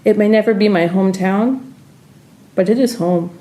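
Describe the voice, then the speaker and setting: Woman, reflective personal essay reading, calm, mellow warm tone. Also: mid-range voice, moderate pace. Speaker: writer reading her story.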